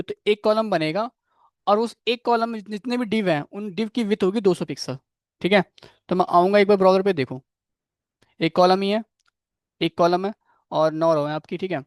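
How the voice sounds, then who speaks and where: A high-pitched man leads a coding class, explaining every step, checking in with "theek hai," and quizzing students by name. The recording is dry and studio quality.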